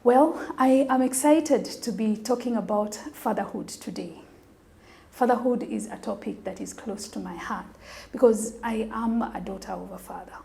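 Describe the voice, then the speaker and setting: Mellow-voiced woman, earnest and reflective. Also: on the high side, moderate pace, creaky. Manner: earnest and reflective, often trailing into a soft near-whisper. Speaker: mental health practitioner. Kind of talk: motivational talk on fatherhood.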